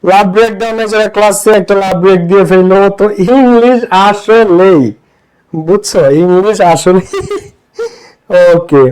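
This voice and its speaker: Young Bangladeshi male tutor, high-pitched voice, Bangladeshi accent, quizzes the class and answers himself. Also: steady tone, moderate pace, darkish tone, smooth. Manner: asks the class questions and answers them himself. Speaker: English teacher. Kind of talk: online class lecture.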